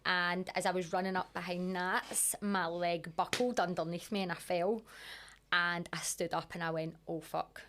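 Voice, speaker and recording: A Scottish woman co-hosting a podcast, telling a story in a casual, animated way and swearing freely. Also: on the low side, moderate pace, a little hiss or hum. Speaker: podcast co-host. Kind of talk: casual chat.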